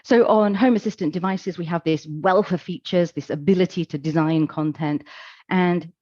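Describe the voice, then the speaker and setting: Low-voiced woman giving a measured talk. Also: dry recording, lo-fi sound. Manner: measured, explanatory, gentle fillers. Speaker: conference speaker. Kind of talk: presentation talk.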